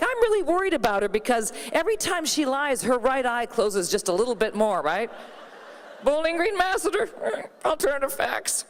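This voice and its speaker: A Canadian woman doing a brash, quick-fire stand-up comedy set on an arena stage, always tossing in "right?". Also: high voice. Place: large arena stage before a packed audience.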